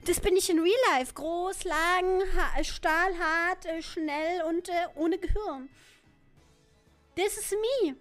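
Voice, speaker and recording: A woman's voice: extremely high pitch, slow, a bit bright, faint music behind. A woman chatting casually on a livestream in a playful, cute anime streamer manner. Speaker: livestreamer, VTuber.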